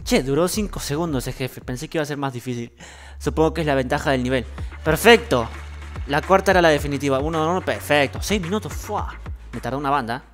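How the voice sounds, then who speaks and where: A man with an Argentine accent giving excitable, boastful gameplay commentary at his computer, swearing casually. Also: a little high, quick pace. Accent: Argentine Spanish. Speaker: gaming streamer. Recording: loud game music behind voice.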